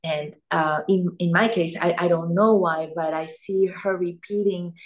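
Soft-pitched actress, searching for words. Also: female voice, measured pace. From Italy. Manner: thoughtful, searching for words, animated. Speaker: actress guest. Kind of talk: casual interview chat.

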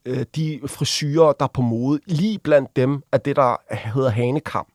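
A man, a guest on an interview, telling a personal story casually, with halting restarts and vivid acted-out quotes. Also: mid-range voice, darkish tone, no echo, studio quality. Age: adult. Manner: vivid, acts out quoted voices while retelling.

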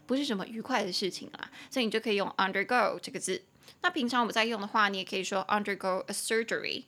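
A young woman with a Taiwanese Mandarin accent hosts a podcast English lesson, chatty and playful, slowing down to spell out and drill new words. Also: mid-range voice, sharp tone. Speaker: English teacher and podcast host. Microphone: podcast microphone.

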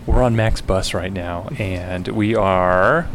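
A man's voice: low-pitched, slow. A man hosting a casual live radio chat on board a crowded bus, fumbling with portable mics as he talks. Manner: talking on a crowded bus amid technical fumbling. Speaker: radio show host. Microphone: portable recorder and handheld mics. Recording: noisy moving bus interior. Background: loud vehicle and bus ambience.

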